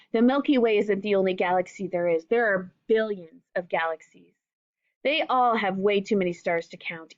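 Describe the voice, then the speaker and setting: A woman at a mid-range pitch reads a children's book with expression, using simple words and explaining things along the way like a teacher addressing young kids. The recording is dry and lo-fi.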